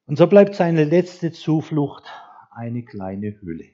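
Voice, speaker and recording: A man preaching a conversational, storytelling sermon who slows down to read scripture aloud. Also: fairly high pitch, very animated, dark tone. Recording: dull lo-fi recording.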